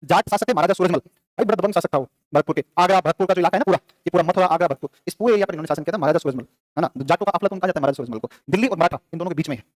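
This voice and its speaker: A male teacher, lecturing a classroom, quizzing students and answering his own questions in quick repetitive drills. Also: sits high, dry recording.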